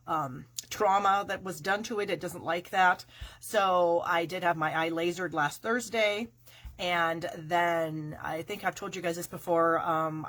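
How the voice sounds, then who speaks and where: Husky, nasal woman chatting with viewers. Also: fairly low pitch, pushed and bright. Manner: chatty and rambling, with many fillers. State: nasal from a cold, coughing. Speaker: stamping demonstrator hosting a live craft video. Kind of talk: casual chat to viewers.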